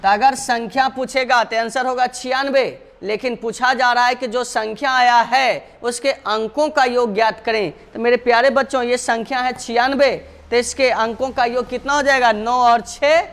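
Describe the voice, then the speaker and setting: A man's voice: very high voice, steady tone, moderate pace, few pauses, a bit bright, clear, resonant tone. A male math teacher explaining problems step by step, going over each step twice and often calling his students dear children.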